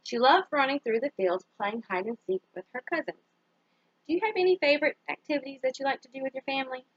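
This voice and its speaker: A teacher reads a picture book aloud to children in a fairly high, very lively voice. She pauses to put simple questions to her young listeners and praises their answers. The recording is dry and a bit dull.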